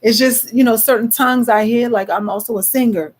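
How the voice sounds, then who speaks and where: A vlogger with a slightly high, a little mellow voice runs through a brisk, loose monologue with fairly even intonation. She often checks in with her listeners, saying "you know what I'm saying" again and again, and occasionally slips into a put-on Caribbean lilt.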